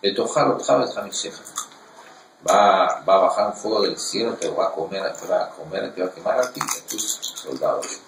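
A man teaching a Torah class, reading verses in Hebrew and explaining them in an animated way. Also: deep voice, moderate pace, vocal fry, echoey room, far from the mic, slight background noise, rough recording.

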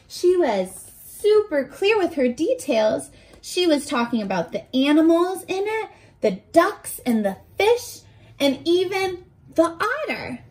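Reading a picture book to young children from a small furnished bedroom, a woman in her 20s sounds like a primary teacher, speaking to them directly and posing simple questions. Her voice is high, her pitch swings expressively, and she takes her time.

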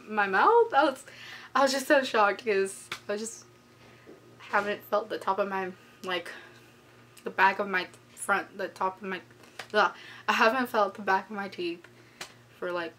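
Halting young woman, noisy room recording. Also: medium pitch, a bit bright. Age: young adult. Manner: halting, rambling, frequently rephrasing. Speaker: vlogger. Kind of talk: casual personal vlog chat. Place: small bedroom indoors.

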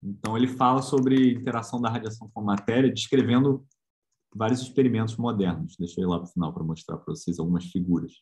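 This fast-talking man has a lowish voice and a Brazilian Portuguese accent as he teaches physics in a loose online lecture. His tone is easygoing and conversational, peppered with hesitations and frequent tag questions.

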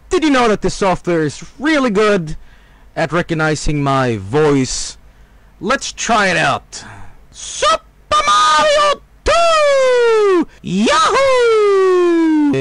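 A streamer's recorded voice played back so it skips and stutters, shouting goofy cartoonish game-style lines. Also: male voice, sits high, no room sound. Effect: skipping, stuttering playback of his recorded voice. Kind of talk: playback of a recorded voice test.

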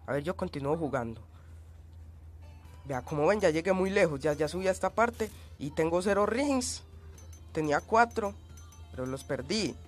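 A man's voice: fairly high pitch, animated, moderate pace, long pauses, soft background music. A man giving gameplay commentary, coughing and sounding changed by a cold, yelping and screaming at in-game hazards. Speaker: let's play gamer.

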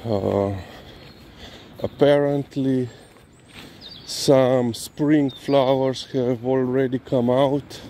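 A slow-talking man, chatting as he walks his dog along city streets at night. His voice is mellow and unhurried, recorded on a phone with faint traffic noise behind him. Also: medium pitch, steady tone. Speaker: dog owner vlogger. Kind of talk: casual walking commentary. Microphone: handheld phone camera filming while walking.

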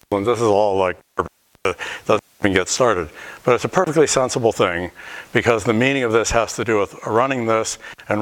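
A man's voice: on the low side, fairly bright tone. A middle-aged man giving a university lecture in a hall, thinking aloud and often restarting his phrases.

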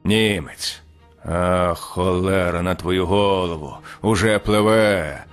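A man voicing a gruff, scornful old grandpa ferryman in an audiobook, scolding in blunt folk speech. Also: deep voice, fairly even intonation, takes it slowly, faint music behind, pitched below the performer's own voice. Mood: grumbling. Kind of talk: audiobook character reading.

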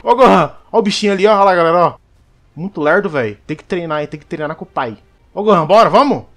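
A young man, commenting on a game in a high, lively voice. He jokes and shouts at the action, and his voice leaps around a lot. Faint game music plays behind him. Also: quick pace. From Brazil. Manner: excitable, joking, shouts at the game. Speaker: gaming YouTuber.

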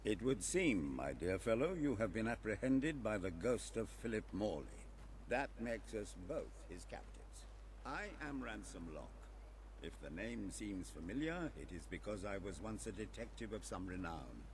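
Pompous British detective, lowish voice, lively intonation, courteous, old-fashioned, game character. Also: male voice, moderate pace, noisy background. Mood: pompous, measured. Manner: pompous, formal.

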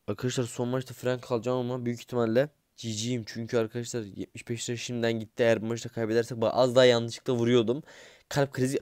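Young man, gaming commentary, excitable, grumbling, mid-pitched voice, dry close sound. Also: dry recording. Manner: excitable, grumbling, swears under his breath; talks straight to his viewers. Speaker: gaming YouTuber. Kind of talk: casual gameplay commentary.

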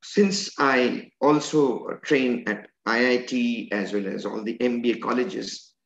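A man's voice: medium pitch, fairly bright tone. An older man, an educator, giving an earnest and emphatic online lecture over a video call from a room at home. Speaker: educator and trainer. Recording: roomy, dull video-call audio.

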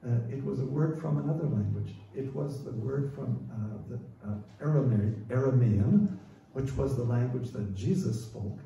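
Man, pastor, sermon, earnest, emphatic, dark voice, booming hall echo. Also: a little hiss or hum. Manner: emphatic and earnest, with many fillers. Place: large church hall. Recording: distant mic in a very echoey hall.

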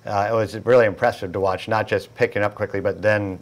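A man in his forties speaking in a measured way as an interview guest in a studio. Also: on the low side, fairly even intonation. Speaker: business partner, interview guest. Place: small indoor video studio.

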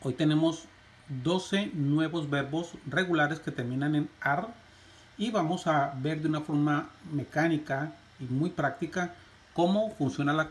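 Man, teacher, slow drilled recitation, fairly high voice. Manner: slow, measured recitation with rising lists. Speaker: Spanish teacher. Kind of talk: slow, drilled verb conjugation lesson.

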